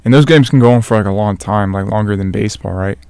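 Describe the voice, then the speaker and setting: A young man hosting a casual interview podcast, asking relaxed questions full of "uh"s. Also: lowish voice, quick pace, gravelly, clean tone, no room sound, studio quality. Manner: relaxed, filler-heavy questions. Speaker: podcast host.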